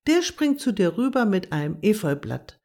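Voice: mid-range voice, big pitch swings, a little mellow. A storyteller voicing a clever, eager young female dormouse in a children's story. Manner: eager, quick-witted. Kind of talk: storybook reading.

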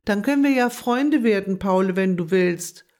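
A storyteller voicing a clever little hazel dormouse girl who talks to herself in an excitable way. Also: medium pitch, measured pace. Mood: eager.

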